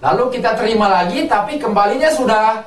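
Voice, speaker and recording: Guy preaching a sermon, pitch jumping all over, kinda high voice, mic far off, echoey room. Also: a little fast, a crowd in the background. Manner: animated, asks the congregation questions and answers them. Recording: roomy, from a distance, faint ambience.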